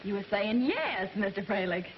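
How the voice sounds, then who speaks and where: A woman's voice: medium pitch, sing-song, normal speed, a little hiss or hum, close to an everyday voice. An actress playing a vain, scheming young woman singer with a Southern American accent, in a 1940s film. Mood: wheedling. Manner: indignant, theatrical. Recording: dull 1940s film soundtrack.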